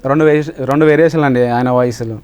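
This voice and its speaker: A man's voice: medium pitch, fairly even intonation, quick pace, a little mellow, clean tone, dry recording, dull audio. A young man, a mimicry artist giving polite, brief answers in an interview. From Telangana, India. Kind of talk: casual interview chat.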